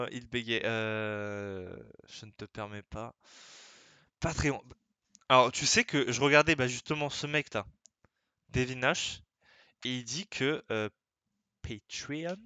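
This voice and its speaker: A man's voice: mid-range voice, pushed and bright, clean tone, no echo. A young man streaming live, chatting casually in a rambling, slangy way that keeps interrupting itself.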